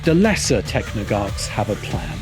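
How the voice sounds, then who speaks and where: Music sits under the voice of a video essay host reading scripted, polemical commentary full of drama, scorn and emphasis. He speaks at a normal speed in a lowish, very animated voice.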